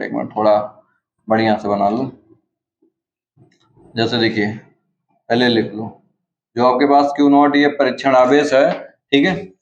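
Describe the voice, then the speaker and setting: A man teaching a physics class in Hindi who asks questions and answers them himself, sometimes acting out the test charge in a small voice. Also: medium pitch. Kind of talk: classroom lecture. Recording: echoey, dull classroom recording.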